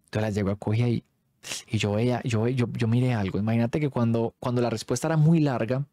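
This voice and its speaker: A Colombian man telling a story in a casual, animated way, full of street slang. His voice is dark and mellow, at an ordinary pitch, and recorded close and dry. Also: fast talker, dry recording.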